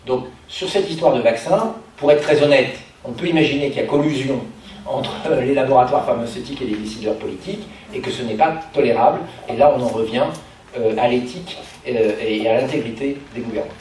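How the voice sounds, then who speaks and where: A man speaks at a public meeting in an explanatory, structured way, posing rhetorical questions as he goes. His medium-pitched voice is picked up from a distance in a very reverberant room with faint noise. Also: brisk, darkish tone. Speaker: political speaker.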